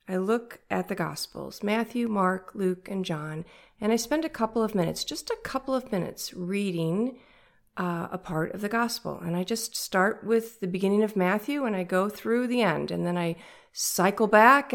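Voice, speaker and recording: A woman with a nasal voice at an average pitch hosts a faith-based podcast. She talks in a conversational way, addressing the listener directly. Her manner is that of an encouraging coach. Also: gravelly.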